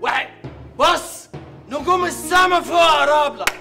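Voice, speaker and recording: An actor playing a hot-tempered young man with an Egyptian accent, shouting threats in a family quarrel in a film drama. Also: very high voice, vocal fry, reverberant, soft background music, full character voice. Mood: threatening. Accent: Egyptian Arabic. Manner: quick-tempered, shouting, mocking.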